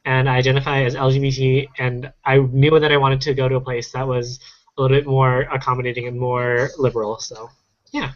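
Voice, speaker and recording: A college-age man from Arizona speaks on a student panel over a video call. He walks through his reasoning point by point, pausing on fillers. The sound is dull and lo-fi. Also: medium pitch, level tone. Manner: organized, thinking aloud with fillers. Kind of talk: casual panel talk.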